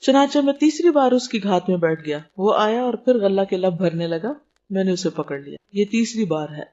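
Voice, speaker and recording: A woman lecturing on religion with a mellow, warm tone. She explains patiently, pausing to ask her listeners questions and slipping in everyday English words. The recording sounds dull and lo-fi. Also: mid-range voice.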